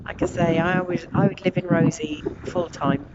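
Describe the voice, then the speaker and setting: A woman's voice: lowish voice, steady tone, moderate pace. A middle-aged woman chatting enthusiastically and rambling through stories in a casual travel vlog. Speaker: vlogger. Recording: muffled lo-fi audio with clear background noise.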